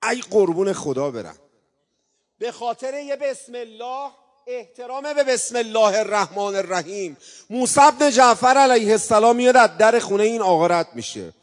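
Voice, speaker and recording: A man preaching a religious sermon, coaxing his audience and breaking into chanted invocations, with sudden swings between loud and soft. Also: high-pitched, animated, big-room sound. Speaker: religious speaker. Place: religious gathering hall.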